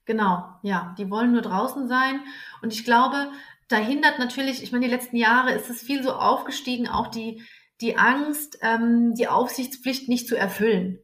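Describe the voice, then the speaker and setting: Woman kindergarten teacher as guest, slightly high voice, practical and example-driven, echoey room. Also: moderate pace, fairly bright tone. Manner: practical, explains with everyday examples. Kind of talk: casual conversation.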